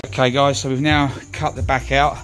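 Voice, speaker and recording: A man's voice: mid-range voice, little pitch movement, moderate pace, loud music behind the voice. A man, talking through a joinery job step by step in a casual how-to, recorded on a handheld phone indoors. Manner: plain-spoken, talks while working, swears now and then. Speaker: joiner showing a build. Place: indoors on a job site with stairs.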